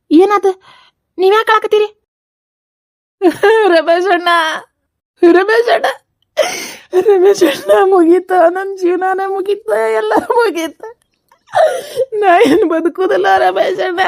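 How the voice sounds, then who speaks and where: A guilt-ridden young husband in a comedy skit, played by a woman with a North Karnataka Kannada accent. His voice sits very high and dry, pleading tearfully and repeating his words. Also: no echo.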